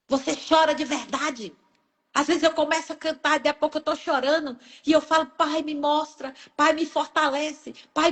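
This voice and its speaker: High-pitched Brazilian woman preacher, emotional sermon delivery with sharp rises and falls. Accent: Brazilian Portuguese. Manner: emotional, emphatic, rising and falling sharply. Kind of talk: sermon with personal testimony.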